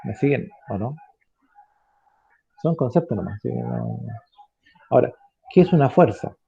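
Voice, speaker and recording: His mid-range voice is warm, creaky, and husky, with big pitch swings, though the recording is muffled. The man teaches physics online step by step, halting, correcting himself, using lots of fillers, and asking tag questions to see if the class follows.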